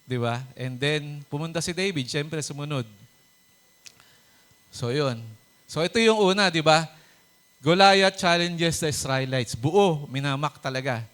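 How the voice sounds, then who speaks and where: A pastor giving a conversational sermon, mixing Tagalog and English, chuckling often and checking in with the congregation with "di ba?" and "Amen?". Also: male voice, a little high, unhurried, long pauses, a bit bright, clear, resonant tone. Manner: chuckles often while preaching; hesitant, with many fillers and restarts.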